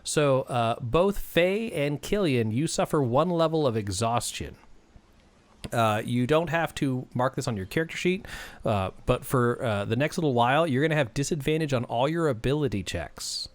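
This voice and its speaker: A man's voice: medium pitch, lively intonation, moderate pace. A man hosting and narrating a tabletop game as game master, casual and jokey, feeling for his words. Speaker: game master and stream host.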